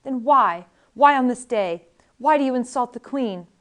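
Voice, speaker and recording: A woman's voice: on the high side, lively intonation, measured pace, fairly bright tone, pitched above the performer's own voice. A woman voicing a young storybook queen, earnest and imploring, with an insistent streak. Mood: pleading.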